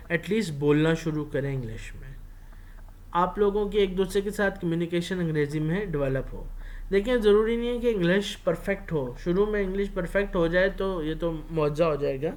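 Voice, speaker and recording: Pakistani male lecturer, conversational classroom delivery, frequent filler pauses. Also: high voice. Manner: mixes Urdu with English phrases, many filler pauses. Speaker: university lecturer.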